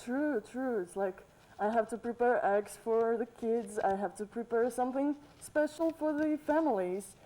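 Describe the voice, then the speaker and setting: A woman playing a cheerful, cheeky Easter Bunny in a student TV sketch interview, relaxed and plain-spoken with hesitant fillers. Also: fairly high pitch, normal speed, close to an everyday voice, low-quality recording. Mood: casual. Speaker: interview guest.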